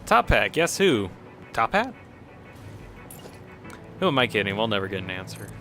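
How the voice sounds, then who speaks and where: A streamer with a lowish, sing-song voice at a normal pace rambles casually during gameplay, reacting to chat and chuckling a lot. He sounds slightly nasal because of a cold, and game music can be heard.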